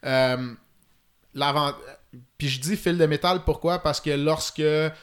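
A man with a Quebec French accent talks through fishing flies in a relaxed, technical way. His voice sits a little high for a man. He pauses often on fillers while he piles up details. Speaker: fly-fishing guest expert. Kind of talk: casual podcast chat.

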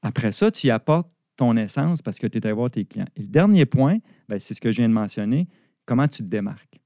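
A middle-aged man with a Quebec French accent walks through business ideas like a teacher, animated and quick to laugh. His voice is mellow and dark. The recording is dry and close. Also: mid-range voice, no echo. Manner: animated, explanatory, laughs often. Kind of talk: conversational explanation.

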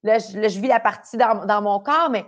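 A woman's voice: medium pitch, a little fast, dull audio. A woman with a Québécois French accent, pregnant and speaking candidly in a casual podcast chat. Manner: candid, animated storytelling. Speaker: radio host.

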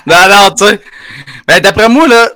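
A man with a Quebec French accent telling a story in casual chat, animated and slangy with lots of fillers. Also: high-pitched, moderate pace. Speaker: podcast co-host telling a story.

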